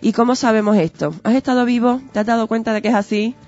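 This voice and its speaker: A woman's voice: on the high side, steady tone, fast talker, darkish tone. An earnest woman talks as a guest, steering her points with rhetorical questions like a patient teacher. Her voice is muffled and lo-fi, and faint music sits underneath. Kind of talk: conversational explanatory talk. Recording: dull lo-fi audio with faint music.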